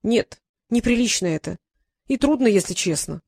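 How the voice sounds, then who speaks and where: A woman's voice: mid-range voice, lively intonation, normal speed, gravelly, darkish tone, breathy edge, dry recording, clean studio sound. Woman doing a pompous huge dragon. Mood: grandiose. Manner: grandiose, declaiming. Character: huge pompous male dragon, vain but shy.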